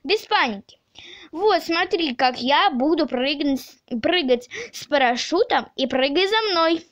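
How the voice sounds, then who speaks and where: Woman voicing a calm clever little leader. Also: high voice, measured pace, no echo, dull audio. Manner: calm, commanding.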